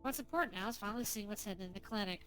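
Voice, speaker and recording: A woman reading the narration of a story game aloud in a measured, storytelling way. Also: mid-range voice, music in the background.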